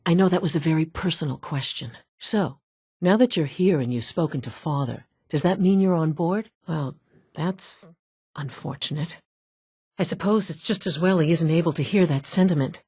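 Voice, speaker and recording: Here the low, husky-edged scientist who runs the game's facilities division sounds sympathetic and subdued, her tone a little mellow in a full character voice. She still delivers her scripted dialogue in measured, formal, matter-of-fact sentences, as someone accustomed to running a facility would. The sound is dry and close, without any room.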